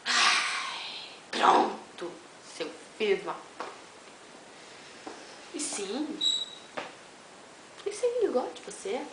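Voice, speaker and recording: A young woman from Fortaleza, teasing a friend in a video message, dropping to mutters and jumping to loud squeals. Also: mid-range voice, sing-song, very slow, pauses often, reverberant, noisy background. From Fortaleza, Brazil. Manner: mock-insulting and playful, swings between mutters and loud squeals.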